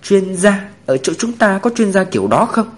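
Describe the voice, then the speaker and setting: A man's voice: sits high, big pitch swings, normal speed, pitched above the performer's own voice. A man putting on a surprised young policewoman. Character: young female police officer, curious.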